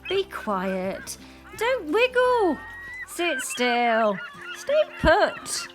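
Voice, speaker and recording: A woman's voice: very high voice, huge pitch swings, drawn-out words, over music, voice pushed up, heavily acted. A woman voicing a flock of small, fussy sea snails in a storybook, scolding in clipped commands.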